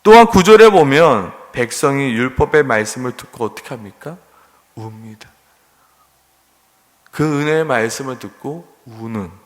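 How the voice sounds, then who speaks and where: A man preaching a sermon, earnest, moving from loud pleading to hushed near-whispers. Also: medium pitch. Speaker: pastor. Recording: long hall reverb.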